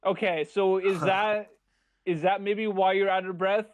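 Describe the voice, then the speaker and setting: Male host on a group call: high voice, teasing questions. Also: steady tone, normal speed, dull audio. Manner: teasing, probing.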